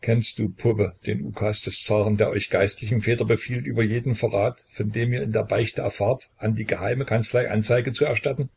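A man's voice: lowish voice, steady tone, normal speed, vocal fry, hardly any pauses, husky, exaggerated voice. A man voicing a dying, delirious young prince who rails in feverish fury in a historical audiobook. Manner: raised, shouting rage.

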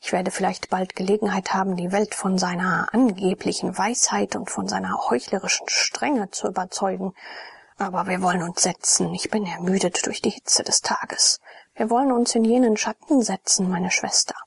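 A woman's voice: mid-range voice, fairly even intonation, moderate pace, creaky, breathy edge. A woman voicing a troubled young priest, half-whispered and earnest, in an audiobook reading.

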